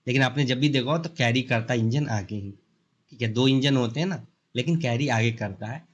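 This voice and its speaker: A young man with an Indian accent teaching basic English grammar in a relaxed mix of Hindi and English. He explains with simple everyday comparisons and keeps checking in with the learner. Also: medium pitch, fairly quick. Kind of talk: casual Hindi-English lesson.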